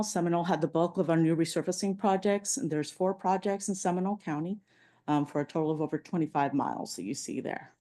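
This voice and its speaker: A woman's voice: low-pitched, mellow. A woman presenting slides at a public planning meeting, walking through figures with frequent fillers like "um". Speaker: transportation agency presenter.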